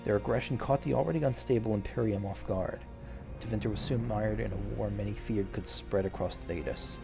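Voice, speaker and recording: With vocal fry in his fairly low voice, a man talks fairly quickly while commenting on a video game playthrough. He thinks aloud casually and reads the on-screen story text dramatically, with game music in the background.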